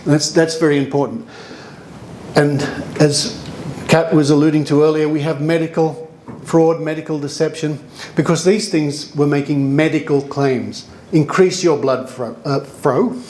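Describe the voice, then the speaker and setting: Australian man, middle-aged, skeptic presenter on a conference stage, showman patter, slightly high voice, faint hiss behind. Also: normal speed, a little mellow. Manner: jokey, chatty showman, breaks into laughs. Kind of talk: live conference talk with audience participation. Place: conference hall before a live audience.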